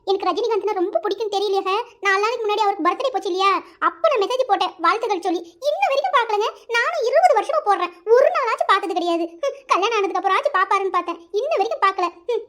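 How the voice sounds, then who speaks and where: A woman's voice: very high voice, animated, racing, few pauses, fairly bright tone. A woman voicing a sulky young married woman in a cartoon, sighing and self-pitying. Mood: pining. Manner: whiny, self-pitying sighs. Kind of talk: cartoon voice acting.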